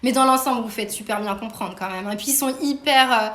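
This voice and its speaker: Middle-aged woman, high voice, casual live-stream host, lots of fillers, roomy phone sound. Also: quick pace, fairly bright tone. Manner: chatty, laughs often, frequent fillers. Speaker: host interviewing her daughter. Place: home room. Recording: roomy echo.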